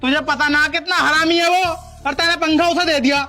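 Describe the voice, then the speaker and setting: A short-tempered rural husband scolds, as a performer plays him. The voice runs high and bright. Faint music plays behind him. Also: steady tone, brisk. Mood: irritated.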